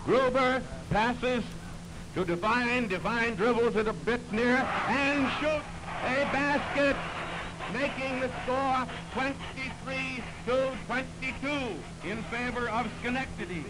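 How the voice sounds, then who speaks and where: Man, high voice, steady basketball play-by-play, heard on a noisy early 1930s archive recording. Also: slow pace. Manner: plain, steady play-by-play calling. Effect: early 1930s archive recording played back. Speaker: basketball commentator. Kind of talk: live play-by-play commentary.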